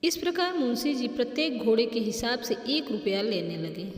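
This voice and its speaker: Woman storyteller, high voice, slow careful reading, echoey room, long reverb. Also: slight background noise.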